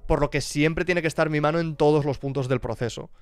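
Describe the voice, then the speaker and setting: Smooth-voiced man chatting on stream. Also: fairly high pitch, fairly even intonation, fairly quick, no room sound, faint music behind. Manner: thinks aloud, with frequent restarts and asides. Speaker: streamer and YouTuber. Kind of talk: casual live-stream chat.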